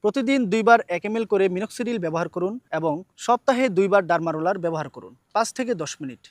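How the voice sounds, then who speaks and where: A man's voice: high voice, animated, fast talker. A man reading a scripted promotional voice-over in an upbeat, salesy manner. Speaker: advertisement voice-over.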